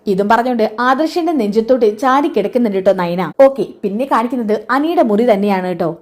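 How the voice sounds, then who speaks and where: A woman's voice: a little high, expressive, fast, a little mellow. A woman narrating a serial recap in a casual, chatty storytelling way. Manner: chatty, tags lines with friendly asides.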